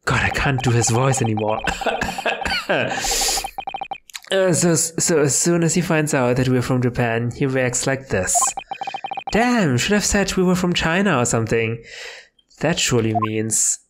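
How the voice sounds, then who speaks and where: A man's voice: medium pitch, lively intonation, unhurried, noisy background. A man commenting casually as he plays through a video game, with chatty, sarcastic asides. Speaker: let's play host. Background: game music.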